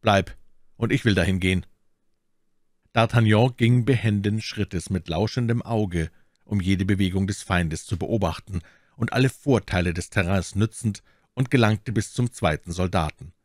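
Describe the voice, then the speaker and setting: A man narrating a classic novel as an audiobook reader in a measured storytelling manner. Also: lowish voice, a little mellow, no echo, studio quality.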